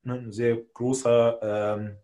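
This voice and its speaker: A Hungarian man, speaking his native language, co-hosts a podcast and tells a long personal story, rambling and correcting himself as he goes. His medium-pitched voice is warm and level, and he takes his time, though the audio sounds dull. It's casual chat.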